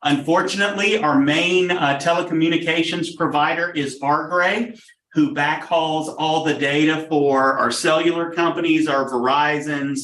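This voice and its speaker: A man answers questions at a public board meeting in a measured, explanatory way, pausing often on "um." His voice sits a little high and is picked up from across a roomy meeting room, so it sounds distant and echoey. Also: fairly even intonation, fairly bright tone. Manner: measured, explanatory, many "um" pauses. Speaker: district technology official.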